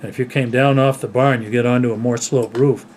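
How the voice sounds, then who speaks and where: An older man sits at home recalling his boyhood in a loose, rambling way. He speaks at an ordinary middle pitch and lets his sentences trail off quietly. A faint hiss sits under the recording. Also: fairly even intonation. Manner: rambling, unhurried, trails off softly at phrase ends. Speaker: storyteller recalling his childhood. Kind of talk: casual home storytelling.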